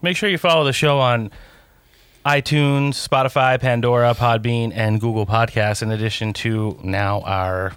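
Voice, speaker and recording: A man's voice: mid-range voice, steady tone, normal speed, a bit bright, clean tone, no echo. A man hosting a casual talk show, reading sponsor plugs and bantering playfully. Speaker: podcast host.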